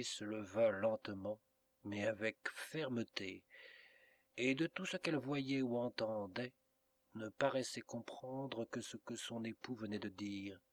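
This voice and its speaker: A man reading a classic novel aloud as an audiobook narrator, in a measured, even delivery. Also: on the low side. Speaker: audiobook reader. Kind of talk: literary narration.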